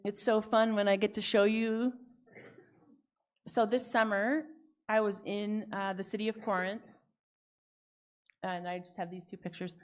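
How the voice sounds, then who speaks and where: A woman's voice: mid-range voice, fairly even intonation, measured pace, pauses often. A woman in her forties, a pastor preaching a sermon at a pulpit microphone in a church, reflective with chatty personal asides. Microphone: speaking at a pulpit microphone.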